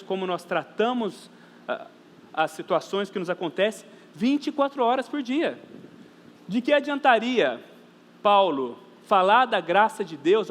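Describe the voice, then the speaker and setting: A man with a Brazilian Portuguese accent preaching a sermon as pastor, earnest and emphatic, repeating phrases for stress and addressing the congregation as brothers and sisters. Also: high voice. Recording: reverberant church hall, faint background noise.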